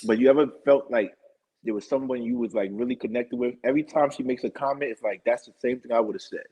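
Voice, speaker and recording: A man hosting his own live talk show, rambling through shout-outs and sponsor plugs in casual chat. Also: mid-range voice, steady tone, fast, husky. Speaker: show host. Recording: dull lo-fi stream audio.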